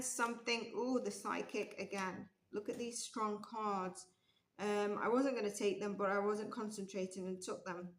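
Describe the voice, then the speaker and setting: A woman with a medium-pitched, slightly bright voice muses aloud during a casual tarot reading, stumbling over ums and restarts. Her voice is a little strained since she's losing it. She works at an indoor table with a candle and cards, filmed from above with just her hands in frame, and the recording has a roomy echo.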